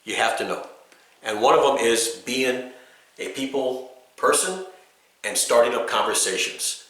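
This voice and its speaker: A man who is an acoustic musician, coaching beginners in a casual, emphatic way and often checking in with the listener. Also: mid-range voice. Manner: lively, emphatic, keeps checking in with the viewer. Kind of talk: casual spoken instruction. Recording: very echoey room, distant mic.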